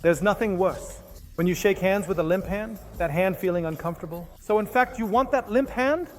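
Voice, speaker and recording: A man giving an instructional hypnosis demonstration as a teacher, speaking in short, halting phrases with commands and repetitions. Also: high voice.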